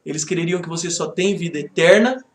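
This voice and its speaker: A man, a pastor teaching a Bible study to a live group in a conversational, animated way, often checking in with his listeners. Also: a little high, a little fast. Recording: echoey room, faint background noise.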